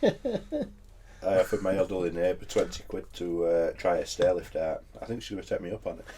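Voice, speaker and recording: Deep-voiced British man telling dad jokes. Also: big pitch swings, normal speed, mellow, a little hiss or hum. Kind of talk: casual joke-swapping among friends.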